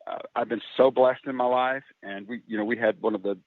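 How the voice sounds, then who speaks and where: A man's voice: mid-range voice, fairly even intonation, dry recording. Earnest man on a tinny phone line. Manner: earnest, emotional, laughs often, halting restarts. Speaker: guest musician. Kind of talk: casual podcast interview.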